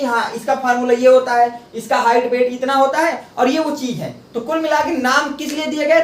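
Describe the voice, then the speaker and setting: A man's voice: very high-pitched, a little hiss or hum. A male chemistry teacher giving a classroom lecture, asking rhetorical questions and answering them himself, repeating key terms. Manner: rhetorical call-and-response questions. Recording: echoey room, voice from a distance.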